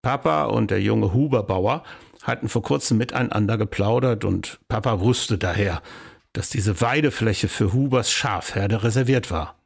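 A man calmly reading a children's storybook aloud as narrator. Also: fairly low pitch, normal speed, creaky, breathy edge.

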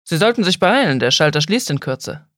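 A woman's voice: deep voice, sing-song, brisk, dry recording. A woman voicing a friendly, polite young man in uniform at an airport, on a dry studio recording. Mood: helpful. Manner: polite, helpful.

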